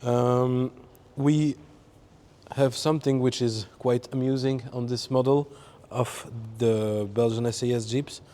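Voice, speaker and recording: Man, english speaker, slow talk, darkish tone, lots of pauses. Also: medium pitch, level tone, dark tone. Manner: halting, searching for words with many fillers. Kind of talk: explaining a vehicle exhibit.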